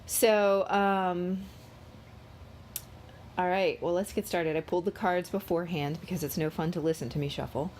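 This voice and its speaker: Woman, deep-set pitch, faint background noise, low-energy halting talk, coming down with a cold, casual spiritual vlog. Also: fairly even intonation, darkish tone. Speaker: host of a daily tarot reading.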